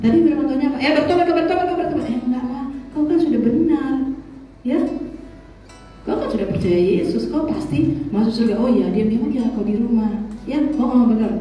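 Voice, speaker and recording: A woman delivers a scolding church sermon, slipping into mocking voices. Her voice sits high but soft and mellow. She is heard from a distance in a hall full of echo, with faint music behind. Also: a little fast. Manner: scolding, mimics voices, colloquial. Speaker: preacher.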